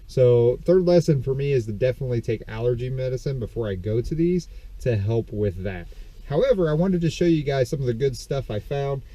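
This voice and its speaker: Animated and fairly quick, a man with a warm, medium-pitched voice shows off reseller finds from an estate sale while parked in his car. The dry recording comes from a camera on the steering wheel. He's stuffed up from a dust allergy and rambles casually, often saying um and correcting himself.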